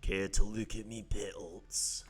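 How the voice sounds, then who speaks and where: A man voicing a gruff old trapper who pushes his pelts with rough, wheedling patter. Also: sits low, steady tone, slow pace, a little hiss or hum.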